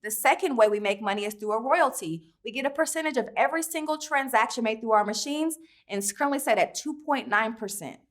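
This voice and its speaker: A woman's voice: fairly high pitch, fast, few pauses. A woman speaking as a company founder in a scripted promotional interview, with a polished, upbeat sales delivery. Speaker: company founder pitching to investors.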